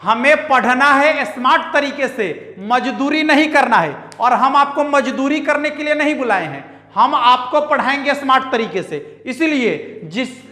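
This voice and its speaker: Male math teacher, high bright voice, emphatic, repeats himself, teases students, echoey room with long reverb. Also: animated, unhurried, few pauses. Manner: emphatic and repetitive, scolding banter with students. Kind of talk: online math lesson.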